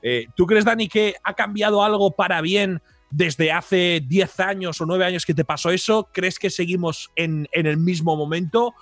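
A man's voice: high voice, normal speed, fairly bright tone, no room sound, soft background music. A man co-hosting an interview, asking questions in a slightly hesitant way. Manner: asks thoughtful questions, hesitant. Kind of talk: casual interview chat.

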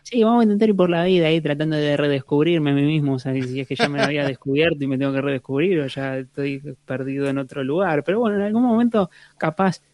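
A man, a guest YouTuber chatting in a relaxed, self-deprecating way. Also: fairly high pitch, fast talker, few pauses, no echo. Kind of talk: casual interview chat.

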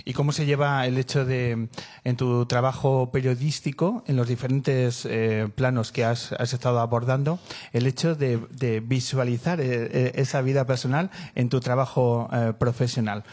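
A man hosts a radio interview, his voice at a middle pitch. He asks long questions in a measured way, pausing on fillers as he reaches for the right words. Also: steady tone, darkish tone.

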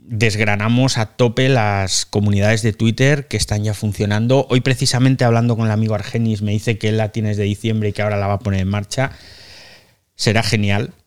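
A man's voice: on the low side, steady tone, fairly quick, clear, resonant tone. A man with a Spain Spanish accent hosts a loose live audio chat, talking into a phone mic. He is chatty and self-mocking and drops casual swears. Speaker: podcast host.

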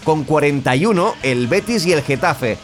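A man's voice: a little high, lively intonation, normal speed. A man narrating a football story in a conversational, scripted storytelling style. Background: guitar and music.

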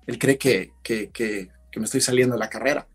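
A man, a podcast guest, telling a story in casual conversation, animated and acting out what others said. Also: medium pitch, fairly quick, breathy edge, soft background music. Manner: animated storyteller, acts out shouted quotes.

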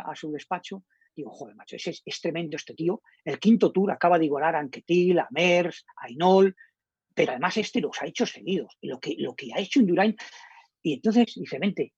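Husky, lively Spanish-accented man. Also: a little high, dry recording. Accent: Spain Spanish. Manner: animated storyteller acting out quoted dialogue. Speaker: radio journalist guest. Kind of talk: casual anecdote telling. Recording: dull lo-fi dry recording.

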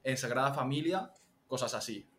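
A young man from Spain, a TikTok strategist, chatting as an interview guest and explaining things lively with examples. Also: mid-range voice, moderate pace, slight background noise. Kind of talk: casual interview chat. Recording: echoey room.

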